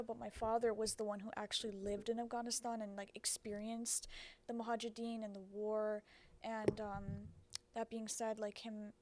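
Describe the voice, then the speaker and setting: Young female podcast guest, around twenty, slightly high voice, soft and trailing. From United States. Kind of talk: casual podcast talk.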